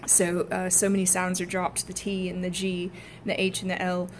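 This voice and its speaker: A woman's voice: lowish voice, monotone, moderate pace, slight background noise. A woman acting student thinking aloud about accent work, chatty and casual, with many fillers and short sound demonstrations. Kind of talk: casual spoken practice notes.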